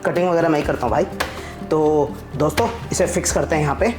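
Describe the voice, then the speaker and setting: A vlog host and father with a fairly high voice talks quickly and informally while working on a DIY project, explaining as he goes. Clear background music plays underneath.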